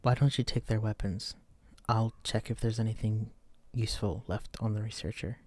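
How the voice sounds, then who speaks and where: In an immersive roleplay audio drama, a man plays a wary, protective psychic escapee speaking directly to a companion, the listener. His lowish, dark voice keeps fairly even intonation at normal speed, lightly acted, with a somber, wary mood.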